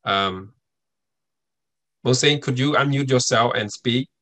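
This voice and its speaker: A man's voice: medium pitch, slow pace, fairly bright tone. A man, speaking on a webinar panel as a community organizer, hesitant with many fillers.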